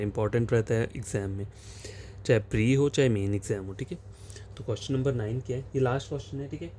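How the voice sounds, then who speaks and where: Guy teaching reasoning, mellow voice, keeps repeating "theek hai", faint hiss behind. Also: mid-range voice. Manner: explanatory, repeats phrases and fillers, slow reading of question text. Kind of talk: exam-prep lesson, solving questions on a board.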